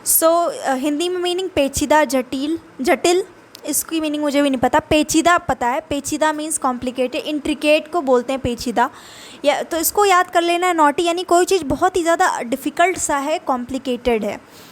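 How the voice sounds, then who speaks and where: High-voiced Indian woman teaching vocabulary. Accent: Indian English. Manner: reads example sentences slowly, then explains quickly in Hindi. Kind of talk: vocabulary lesson mixing Hindi and English.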